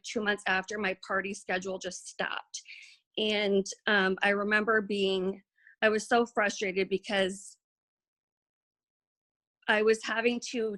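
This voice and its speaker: Her voice is mid-range and fairly bright, with no echo, as this woman leads an informal training for her network marketing team on video. She speaks chattily with lots of fillers and false starts, saying she's shy and nervous.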